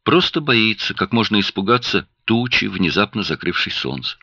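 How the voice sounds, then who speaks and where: A man narrating an audiobook in an expressive, dramatic reading style. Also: lowish voice, normal speed, vocal fry, dry recording. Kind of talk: scripted narration. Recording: dry, dull lo-fi sound.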